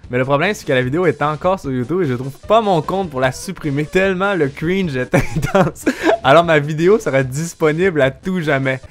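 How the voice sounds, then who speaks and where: A young man with a Québécois accent hosting a casual vlog, animated, laughing often and swearing casually. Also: fairly high pitch, brisk, faint music behind. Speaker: YouTuber host.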